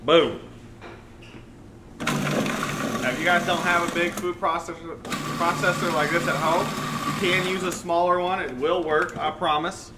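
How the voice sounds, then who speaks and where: Guy cooking live in a restaurant kitchen, kinda high voice, loud pans and noise behind. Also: fairly even intonation, a little slow, pauses often, recorded from a distance. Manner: upbeat, punchy exclamations. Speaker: cooking show co-host.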